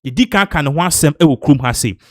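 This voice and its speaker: Ghanaian man presenting news, animated. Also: on the high side, fast talker, no room sound, clean studio sound. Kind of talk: news commentary mixing Twi and English.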